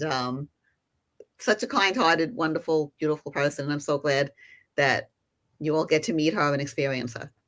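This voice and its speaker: A woman's voice: on the low side, a bit bright. A woman co-host talking in a gushing, effusive way, chatty and full of like and you know. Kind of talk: casual chat.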